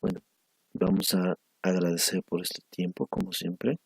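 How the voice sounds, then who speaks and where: Slow, deep, gravelly male teacher. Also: little pitch movement, dry recording, poor audio. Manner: slow and patient, drilling word pairs with a tag "¿no?". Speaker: Aymara language teacher. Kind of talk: recorded online language lesson.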